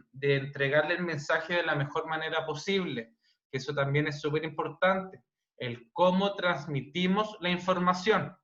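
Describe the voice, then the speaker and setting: A man with a Chilean accent teaching an online class, speaking loudly and checking in with tag questions. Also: on the high side. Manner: loud, frequent "¿cierto?" tag questions. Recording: dull, roomy online-class audio.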